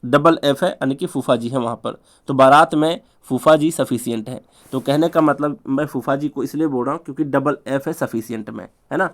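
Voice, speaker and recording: A man teaching an English spelling lesson in Hindi, drilling each word over and over in a sing-song way with quick asides. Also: medium pitch. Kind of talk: spelling lesson for exam prep.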